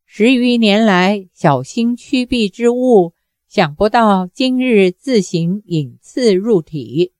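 A woman reading a novel aloud as a measured, deliberate narrator. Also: mid-range voice, lively intonation, a little mellow, no echo, studio quality. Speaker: audiobook reader.

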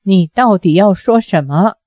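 A sulky young swordswoman with a sharp tongue, scolding coldly in a storybook reading, voiced by a woman. Her voice is mellow and unhurried, with a dry, close sound. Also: medium pitch, lively intonation, no room sound, lightly acted. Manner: cold, scolding.

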